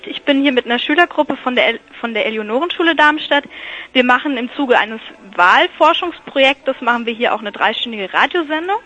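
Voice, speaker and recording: A woman's voice: high-pitched, bright, forceful tone. A woman reporting live for student radio over a poor phone connection, chatting with frequent fillers. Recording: lo-fi telephone line.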